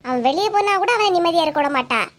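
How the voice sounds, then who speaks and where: A woman's voice: very high voice, animated, heavy background noise. A woman with a Kanyakumari Tamil accent voicing chatty, gossiping village women neighbors in a cartoon. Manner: chatty, teasing, rapid back-and-forth. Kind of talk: cartoon voice acting.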